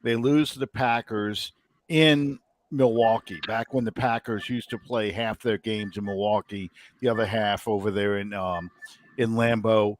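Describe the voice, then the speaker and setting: A man's voice: fairly low pitch, fairly even intonation, measured pace. A man from the New Orleans area hosting a casual sports podcast, rambling and thinking aloud with many ums. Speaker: podcast host.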